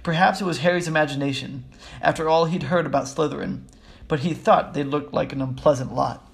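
A man reading a children's book aloud in a steady, even way, with small slips. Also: a little high, a little fast, vocal fry. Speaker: audiobook reader. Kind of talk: storybook reading.

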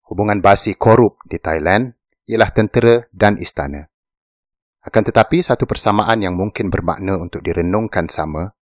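Deep-voiced man reading an essay. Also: no echo, studio quality. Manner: measured, serious essay reading. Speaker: narrator reading an opinion essay. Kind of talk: scripted narration.

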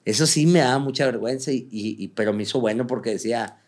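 A young adult man with a Mexican Spanish accent, a comedian guest chatting casually in an interview, talking fast and animated with lots of slang. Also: mid-range voice.

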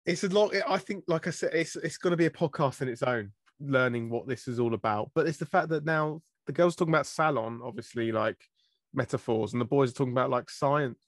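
A man's voice: mid-range voice, a little fast, dry recording, clean studio sound. A British man from Britain co-hosting a podcast in casual chat, laughing often as he tells stories. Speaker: podcast co-host.

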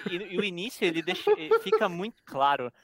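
A man's voice: high voice, huge pitch swings, quick pace, a crowd in the background. A young Brazilian man on a podcast panel, teasing and emphatic in casual chat. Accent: Brazilian Portuguese.

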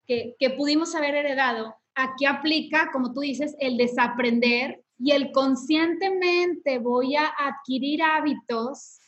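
Woman, high voice, instructive podcast talk, tag questions, dull recording. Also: measured pace, hardly any pauses, fairly bright tone. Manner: instructive, lists steps, frequent tag questions. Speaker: podcast host. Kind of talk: casual faith podcast conversation.

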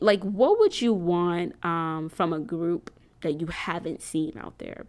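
A woman's voice: mid-range voice, fairly bright tone. A woman hosting a faith and business group, talking casually and earnestly to her viewers, rambling a little with many ums and restarts. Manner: preacherly and earnest.

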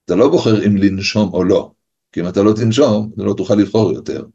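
A man's voice: on the low side, creaky, warm tone, breathy edge. A man, a rabbi, giving a Torah lesson over a video call, arguing by asking and answering his own questions. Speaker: rabbi teaching a class. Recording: dull lo-fi video call audio.

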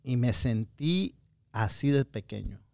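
A man's voice: animated, slow, creaky, no room sound. A middle-aged man hosting a podcast in casual chat, rambling and stammering, repeating words as he searches for them, and acting out quoted lines. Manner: acts out quoted lines in a lower, softer voice. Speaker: podcast host.

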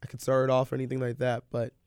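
A man's voice: medium pitch, completely flat delivery, very fast, darkish tone, clear, resonant tone, no echo, clean studio sound. A young man talking casually as a co-host on a podcast. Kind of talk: casual chat.

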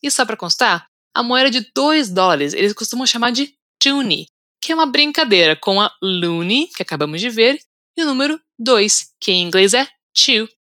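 Bright-voiced Brazilian woman teaching English. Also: fairly high pitch, animated, dry recording, studio quality. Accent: Brazilian Portuguese. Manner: slow, deliberate repetition for learners. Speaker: English teacher, podcast host. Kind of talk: scripted language lesson.

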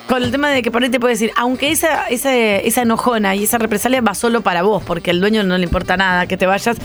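Una mujer con acento rioplatense que charla con soltura y reacciona con expresividad. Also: female voice, a little high, fast talker, faint music behind. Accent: Rioplatense Spanish. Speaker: radio show co-host. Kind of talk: casual chat.

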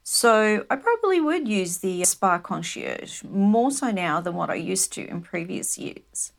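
A woman's voice: medium pitch, very animated, a little slow, gravelly. A woman giving informative travel commentary with personal asides, conversational and explanatory. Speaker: cruise travel presenter.

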